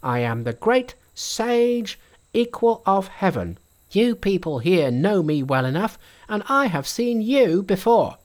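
Guy putting on a squeaky brash monkey sage, boastful and teasing, voice jumping all over, from an old storybook. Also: big pitch swings, takes it slowly, exaggerated voice. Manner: high, bold, teasing. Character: cheeky boastful male monkey sage, ageless.

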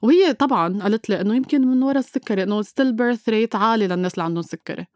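A woman's voice: on the high side, very fast, dry recording, studio quality. A woman with a Lebanese Levantine Arabic accent tells a personal story as an interview guest, emphatically repeating phrases and mixing in English words.

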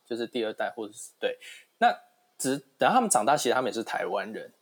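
A man's voice: mid-range voice, very animated, fast talker. A man with a Taiwanese Mandarin accent in a casual discussion, dropping English words into his speech.

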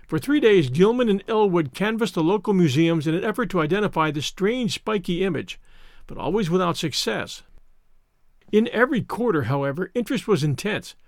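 A man's voice: high voice, no echo, studio quality. A man, a podcast host, reading a horror story aloud in audiobook style.

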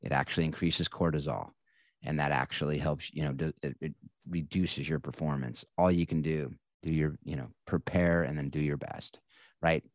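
A man with a deep voice talks through a casual podcast chat as co-host. He speaks in an earnest, coaching tone. The sound is dry and close, with no room around it. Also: steady tone, normal speed, no room sound.

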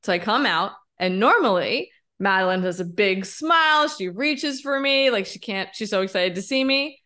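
A woman in her thirties co-hosting a podcast, talking in an emphatic, expressive, candid way and often tossing in a rhetorical "right?". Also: mid-range voice, normal speed. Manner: candid, occasionally swearing. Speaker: podcast co-host. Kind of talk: casual podcast conversation.

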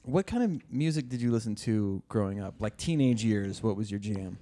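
A man's voice: lowish voice, animated, normal speed, mellow. A man hosting a casual podcast chat in an echoey room, talking informally and swearing freely. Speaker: podcast host. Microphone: close handheld or stand microphone.

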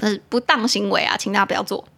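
A young woman hosting a casual podcast English lesson, chatty, spelling words out slowly letter by letter. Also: mid-range voice, fairly even intonation, gravelly, pushed and bright. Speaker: podcast host teaching English.

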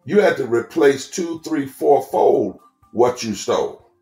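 A man's voice: mid-range voice, expressive, unhurried, warm tone, roomy sound, faint music behind. A man speaking as a preacher and theologian, emphatic and preacherly, repeating phrases for effect. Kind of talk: sermon-like talk.

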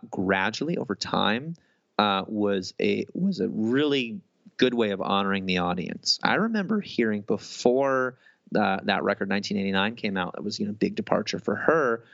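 Brief: thirties man, low gravelly voice, rambling chat with lots of restarts, dry dull lo-fi sound. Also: a bit bright, no echo. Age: 30s. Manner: rambling, many restarts and fillers. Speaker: guest author. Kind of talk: casual interview conversation.

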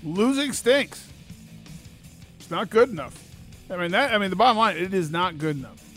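A man's voice: high voice, lively intonation, normal speed, fairly bright tone, soft background music. A man giving blunt, casual opinions as a panelist on a sports show.

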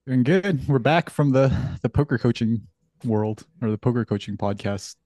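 A man's voice: mid-range voice, animated, moderate pace, mellow, dry recording. Man, podcast co-host, mid-range voice, casual analysis, dry recording. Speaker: podcast co-host, poker coach. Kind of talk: casual chat and strategy analysis.

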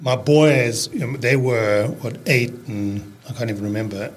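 This podcast guest, a landscaping business owner in his early fifties, has a mid-range voice with a slight hiss or hum in the audio. His South African accent leans toward American, and he talks about his work in a relaxed, halting manner with many fillers and restarts, in a casual interview.

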